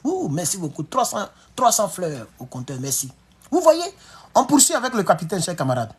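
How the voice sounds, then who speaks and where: A man giving excitable, emphatic political commentary on a live stream. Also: high voice, normal speed, slight background noise.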